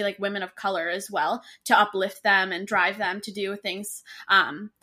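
Bright-voiced enthusiastic woman co-host. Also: medium pitch. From Canada. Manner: warmly enthusiastic, lots of "like". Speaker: podcast co-host. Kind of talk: casual podcast chat.

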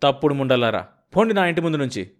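A man voicing a gruff, hot-tempered middle-aged farmer who talks loudly and brusquely in an audiobook reading. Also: mid-range voice, sing-song, fast, voice pushed up, close to an everyday voice. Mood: blustering. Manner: loud, blustering, raised voice.

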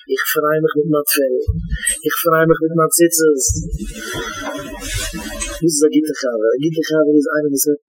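A man's voice: a little high, little pitch movement, moderate pace, long pauses, over music, low-quality recording. Emphatic man giving a religious lecture. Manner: emphatic, repeats key phrases, swings between quiet asides and raised exclamations. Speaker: rabbi giving a yeshiva talk.

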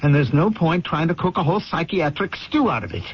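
Testy, troubled husband, swinging pitch. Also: male voice, very animated, brisk. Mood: irritated. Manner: testy, agitated, snapping. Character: irritable, troubled husband haunted by nightmares. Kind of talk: old-time radio drama acting. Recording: muffled, noisy old radio recording.

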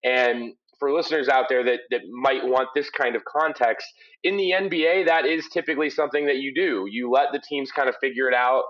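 A man's voice: mid-range voice, fairly even intonation, fairly quick, fairly bright tone, lo-fi sound. A man hosting a conversational sports recap podcast in emphatic, folksy phrasing, recorded through headphones used as a mic. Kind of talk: conversational post-game recap. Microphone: headphones used as microphone.

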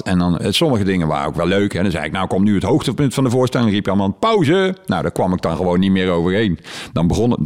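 A man in casual conversation, telling animated stories from his work as a stage performer and acting out what people said. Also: lowish voice. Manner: animated storytelling with quoted voices.

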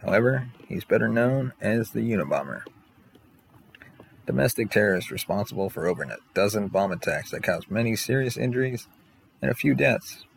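A man with a fairly low, gravelly voice narrates a scripted top ten countdown as its host. He presents each entry as a factual rundown. Some light background noise sits behind him. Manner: announces numbered entries, then recounts facts.

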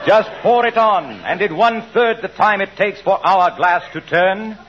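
A man's voice: high voice, moderate pace, natural voice. An actor playing a hammy, pompous ad man who declaims mock Shakespeare in theatrical 1940s radio comedy style. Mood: declaiming. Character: hammy middle-aged male ad man spouting mock Shakespeare. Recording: dull old radio broadcast with hiss.

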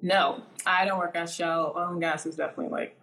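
This interview guest, a Nigerian-born woman in her twenties who grew up in the US, speaks a little fast in a low, steady, fairly bright voice. She's casual and chatty, relying heavily on "like," and the sound is roomy.

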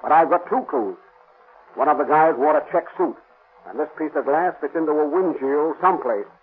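An actor playing a determined male police investigator in a 1930s radio drama, earnest and brisk with a husky voice. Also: a little high. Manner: earnest, brisk slangy talk. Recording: tinny old radio broadcast.

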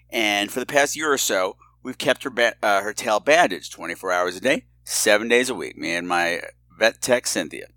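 A male podcast host delivers a casual, personal monologue in a sharp-toned, mid-range voice. He has a theatrical, campy streak and talks in a candid, confiding way. There's no echo on the recording.

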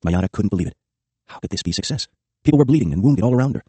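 Male audiobook narrator, low mellow husky voice, very fast memoir read. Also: expressive, no echo. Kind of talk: scripted first-person memoir narration.

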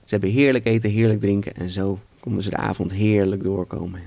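A man's voice: lowish voice, fairly even intonation, fast, vocal fry, dark tone, no echo. A man, co-host of a podcast, telling a fairy tale and chatting about it with playful asides and laughs. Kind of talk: storytelling and casual chat.

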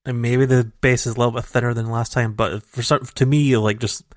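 Brisk and fairly even in intonation, this man's medium-pitched voice co-hosts a casual gaming podcast in rambling stretches packed with restarts and fillers. The sound comes dry and raw from a home computer mic over a call, with no room sound.

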